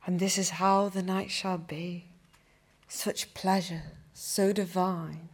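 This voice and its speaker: A young woman gives a poetry reading in a cathedral. Her voice sits low, and she lets every line land slowly and deliberately. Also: darkish tone. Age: young adult. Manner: slow, measured recitation. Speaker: young poet.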